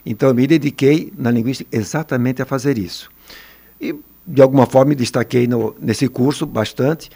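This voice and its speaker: An older man, a former teacher telling stories in a relaxed interview and often ending phrases with a tag question. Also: medium pitch, a little fast, creaky, breathy edge. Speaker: retired teacher and education adviser. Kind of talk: casual interview storytelling.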